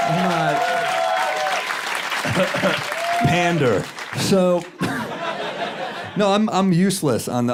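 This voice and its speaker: A man doing a stand-up comedy set on stage in a dry, deadpan manner. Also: fairly low pitch. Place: comedy stage in front of a live audience. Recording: live show with audience laughter and room noise.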